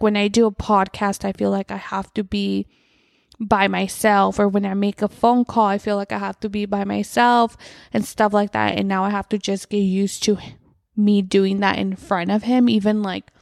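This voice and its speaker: Podcast host, woman in her thirties, casual rambling chat, some vocal fry, dry close recording. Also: mid-range voice, dry recording. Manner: chatty, rambling, frequent "like". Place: inside her house at night.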